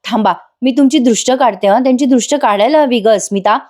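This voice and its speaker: A woman's voice: a little high, fairly quick, a little mellow, natural voice. Woman voicing a fussy worried mother. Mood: anxious fussing.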